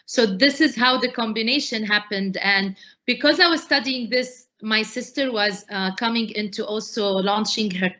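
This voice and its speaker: Middle-aged woman from Lebanon, enthusiastic guest, bright tense voice, dull lo-fi call audio. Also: fairly high pitch, moderate pace. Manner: enthusiastic, many "uh" fillers. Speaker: startup advisor, guest. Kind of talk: interview answers.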